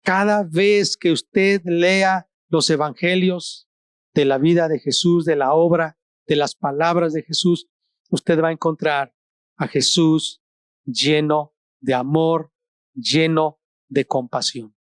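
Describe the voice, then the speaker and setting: Man, pastor, sermon, very slow deliberate phrasing, long pauses, emphatic rises and soft low drops, dry close sound. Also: fairly even intonation, smooth, no room sound. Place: church service streamed online.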